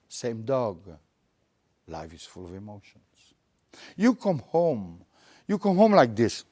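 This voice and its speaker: A man with a Belgian Dutch accent who is not a native English speaker, giving a live lecture and acting out his examples theatrically. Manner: theatrical, acts out examples with big swings in pitch and loudness.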